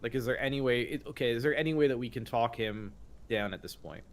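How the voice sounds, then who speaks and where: A man's voice: mid-range voice, fast talker. A man playing a tabletop game, speaking hesitantly with many fillers. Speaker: player. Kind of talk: casual tabletop play.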